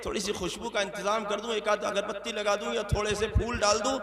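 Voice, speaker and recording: Male preacher, North Indian Urdu-Hindustani accent, very high gravelly voice, mocking rhetorical sermon, booming long-reverb hall. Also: level tone, a little fast, crowd noise. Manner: rhetorical, mocking questions, swings from quiet to shouting. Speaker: Islamic preacher. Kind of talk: impassioned sermon at a public gathering.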